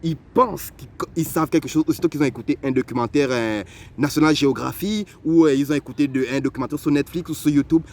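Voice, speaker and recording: A young man from Africa telling personal stories to the listener in a lively, conversational way. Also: a little high, fast. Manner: animated, conversational, addresses the listener directly. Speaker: vlogger. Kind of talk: personal storytelling.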